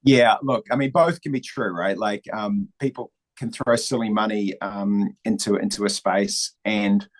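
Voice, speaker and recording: Heard through poor audio, a New Zealand man with a lowish, steady voice talks at a measured pace with few pauses. He is a reflective, thoughtful interview guest, and his New Zealand accent leans slightly Australian or American.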